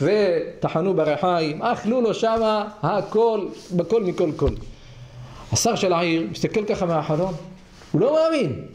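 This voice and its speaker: A rabbi gives a weekly Torah lesson in a study hall and tells parables with lively rhetorical questions. His voice is high for a man and rings in the echoey hall. Faint noise hums beneath the talk.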